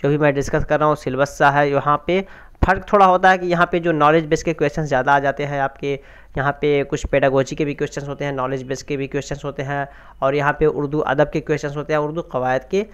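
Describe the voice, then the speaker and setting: A man's voice: fairly high pitch, level tone, fast, clear, resonant tone. A man teaching an exam preparation grammar lesson, explaining step by step and asking and answering his own questions. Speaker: Urdu language teacher.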